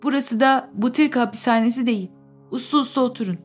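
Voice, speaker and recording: A woman's voice: a little high, fast talker, slightly rough, soft background music. A woman reading the part of a stern male professor who firmly admonishes a colleague in an audiobook. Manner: firm, admonishing.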